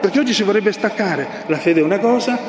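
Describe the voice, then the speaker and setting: Impassioned high-voiced preacher, echoey hall. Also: male voice, expressive, fast. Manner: impassioned, emphatic, repeats key phrases. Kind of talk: sermon. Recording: echoey hall with long reverb, faint noise.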